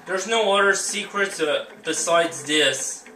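A man's voice: sits high, slow, pushed and bright. A man hosting a game playthrough, reading the on-screen text aloud with small stumbles and chatting between passages, recorded on a camcorder. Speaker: let's play host. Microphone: camcorder microphone. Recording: roomy, distant camcorder with background noise.

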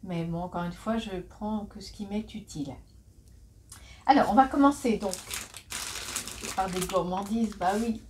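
A woman in her forties chats through a shopping haul at home, filmed on her phone. She talks in a middle-pitched voice, giggles often and teases herself. Faint background noise sits under her voice. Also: unhurried, pauses often. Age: 40s. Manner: chatty, giggly, self-mocking asides. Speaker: vlogger. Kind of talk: casual shopping haul vlog. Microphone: phone camera.

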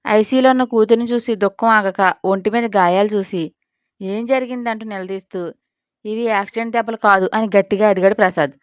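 A woman's voice: medium pitch, brisk, no room sound, dull audio. A woman reading a scripted audio story aloud and voicing every character herself. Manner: reads all characters in a mostly even voice.

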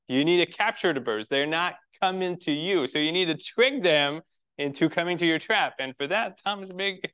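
A biologist in his forties from Quebec speaks with a French-Canadian accent while giving a friendly public lecture to a birding club in a lecture room. His voice is a little high, slightly bright and clean, and he poses rhetorical questions and restarts phrases.

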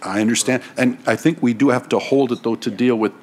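Middle-aged male council chair, brisk procedural delivery, desk mic in a chamber, mid-range voice. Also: medium pitch, fairly even intonation, a little mellow, a little hiss or hum. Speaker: council chair running a meeting. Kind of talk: formal meeting procedure. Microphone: desk microphone.

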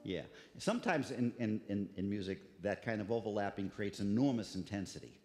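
Male music lecturer, lowish voice, scats rhythms mid-sentence; echoey hall sound. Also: animated, brisk, darkish tone. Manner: scats rhythms to illustrate, restarts words. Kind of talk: lecture with live musical examples. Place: concert hall. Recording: echoey concert hall with long reverb.

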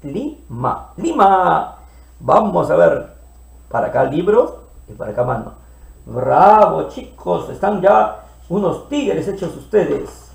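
A man teaching children to read, playfully sounding out syllables slowly and repeating them. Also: fairly high pitch, big pitch swings, vocal fry, roomy sound. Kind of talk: early reading lesson for children.

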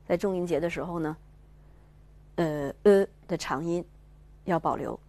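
Patient woman teacher, lower voice, slow model readings, dry sound. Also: dark tone, no room sound. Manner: patient, explanatory, models words slowly. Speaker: French teacher. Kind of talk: pronunciation lesson.

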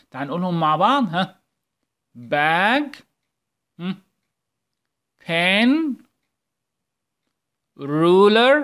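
A man's voice: fairly high pitch, a bit bright. An Egyptian-accented man teaches young children in a recorded video lesson. He keeps asking questions, then stretches his praise into long, sing-song words. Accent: Egyptian Arabic. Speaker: primary school English teacher.

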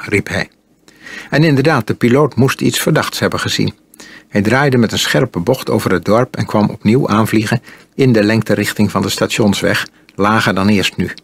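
A man narrating an audiobook in a calm, measured storytelling manner. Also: lowish voice, vocal fry, slightly rough, dry recording. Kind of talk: audiobook reading.

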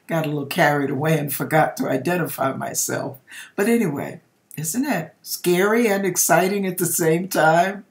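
Low-pitched and theatrical, a middle-aged woman with an American accent reads viewers' dream accounts aloud in her home kitchen. She speaks emphatically to the audience, drawing out her words.

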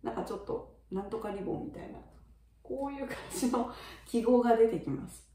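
A middle-aged woman teaching in a casual video lesson, chatting with many fillers and sounding out words slowly to show them. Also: on the high side, mellow, reverberant, far from the mic, slight background noise. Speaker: English teacher for young children.

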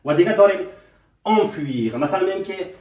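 Man teaching French, slow roomy delivery. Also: high voice, lively intonation, a little mellow, far from the mic, a little hiss or hum. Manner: slows right down to spell out French examples, asks students to repeat. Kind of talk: spoken language lesson with slow example phrases. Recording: roomy echo, voice from off the mic.

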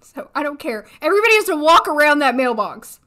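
Seated at a desk at home, a woman in her thirties streams a life-sim game, chatting casually and thinking aloud with frequent little laughs. Her voice is high and sharp, hoarse today, and she talks fast with big pitch swings.

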